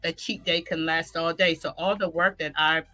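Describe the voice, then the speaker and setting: Fitness lady on a podcast, bright voice, energetic, lots of restarts, faint music behind. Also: low voice, moderate pace. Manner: energetic, talks through restarts and self-corrections. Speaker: fitness trainer guest. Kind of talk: casual interview talk.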